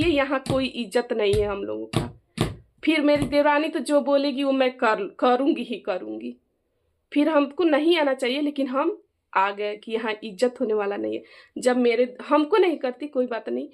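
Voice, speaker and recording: A middle-aged woman with an eastern Hindi accent from Jharkhand, talking heatedly in a family vlog and insisting others back her up. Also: high voice. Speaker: vlogger and mother of the bride.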